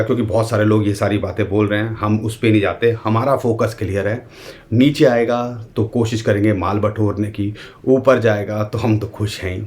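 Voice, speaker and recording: Low-voiced man talking crypto charts. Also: darkish tone. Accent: Indian. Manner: conversational, addresses viewers directly, uses the royal we. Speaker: crypto market commentator. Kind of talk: casual market analysis monologue.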